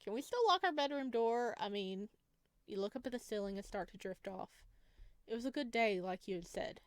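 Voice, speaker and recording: A woman with a mid-range voice hosts a gaming video, playing through a visual novel and reading its text aloud. She's brisk and full of giggly, gushing exclamations. The recording is clean, with no echo.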